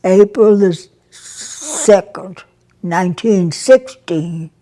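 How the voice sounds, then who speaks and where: A woman over a hundred, raised in Brazil, recalling her years as an army nurse in an interview, speaking softly and haltingly with many pauses. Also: medium pitch. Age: over 100. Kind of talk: interview reminiscence.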